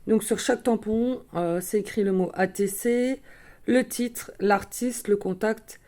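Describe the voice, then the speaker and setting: A woman's voice: mid-range voice, a little slow, warm tone. A woman casually showing her craft purchases to viewers, chatty with many fillers and small self-corrections. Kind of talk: casual show-and-tell.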